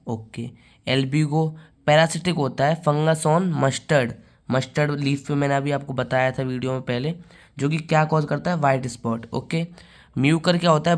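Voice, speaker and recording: A man giving a biology lecture, asking rhetorical questions and repeating key terms slowly. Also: medium pitch. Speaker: biology teacher. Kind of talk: classroom lecture.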